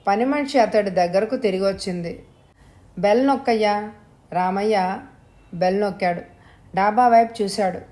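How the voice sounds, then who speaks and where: A woman's voice: medium pitch, normal speed, warm tone. Woman narrating a suspense story. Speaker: audio story reader.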